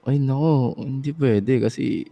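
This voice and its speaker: A man's voice: medium pitch, vocal fry, warm tone. A man playing a defensive loitering civilian. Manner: defensive, complaining, quick to protest. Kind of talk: game role-play chat.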